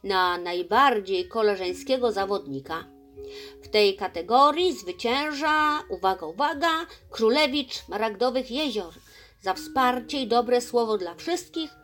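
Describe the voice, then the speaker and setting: Storybook role: fair, gentle male elf judge, read by a woman. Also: a little high, animated, unhurried, faint music behind. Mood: announcing. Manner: announcing and gently reproachful.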